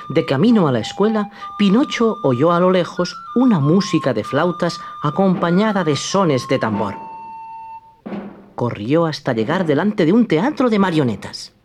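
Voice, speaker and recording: Expressive storybook narrator. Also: mid-range voice, a little hiss or hum. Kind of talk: storybook reading.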